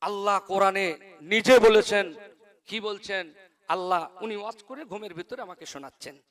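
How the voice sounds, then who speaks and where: Male preacher, high and sharp-toned, fervent storytelling sermon with drawn-out Arabic chanting. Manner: dramatic storytelling, swinging from hushed to loud and declaiming. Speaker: Islamic preacher. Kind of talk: fervent Islamic sermon to a live crowd.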